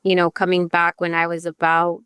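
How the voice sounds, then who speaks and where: Her lowish voice is monotone, fairly quick and a bit bright, with a clear, resonant tone and no echo. This Salvadoran-born woman, partly raised in Northern Virginia, is a youth advocate telling her life story on a podcast, candid and chatty, frequently adding "you know" and "right?".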